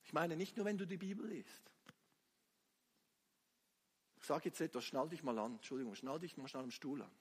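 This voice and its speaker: A man's voice: fairly high pitch, normal speed, long pauses, husky. A man preaching a sermon with fervor, firing rhetorical questions at the congregation. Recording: long hall reverb.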